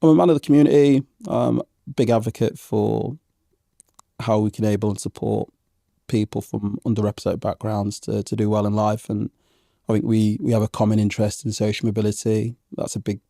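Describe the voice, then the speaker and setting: Man in his thirties, low mellow voice, dry close sound; reflective interview guest, hesitant phrasing. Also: vocal fry, no echo. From Zambian parents, raised in England from age one. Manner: reflective, hesitant with many ums and restarts. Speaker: podcast guest. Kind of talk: conversational interview.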